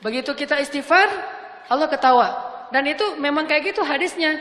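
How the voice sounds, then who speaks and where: A woman's voice: high voice, a little fast, fairly bright tone. A woman giving a humorous, casual sermon with playful, jokey storytelling. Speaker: preacher. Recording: echoey hall with long reverb.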